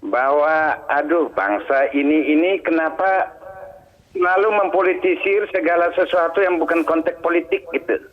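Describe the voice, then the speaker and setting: A man's voice: on the high side, normal speed. A man phoning a talk show to give an emphatic, exhorting opinion off the cuff. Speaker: phone-in caller. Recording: muffled phone call to broadcast.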